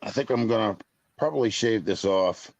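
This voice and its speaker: A man in his fifties with a low voice and a dry, close sound, talking casually on a live stream. His talk rambles and is blunt, with mild cursing along the way. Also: moderate pace, no echo, highs cut off. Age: 50s.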